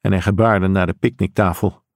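A man reading a crime story aloud in steady, measured scripted narration. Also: deep voice, creaky, no echo, clean studio sound. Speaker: audiobook narrator.

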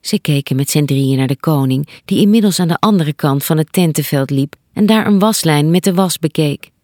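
A woman narrating a children's storybook in a calm, steady reading voice. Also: deep voice, moderate pace, no room sound, studio quality.

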